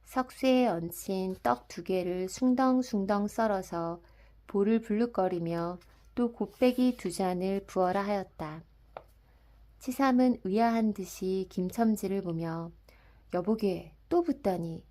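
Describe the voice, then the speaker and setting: Soft-spoken woman audiobook narrator. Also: mid-range voice. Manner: soft, even, unhurried reading. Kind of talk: calm literary audiobook narration.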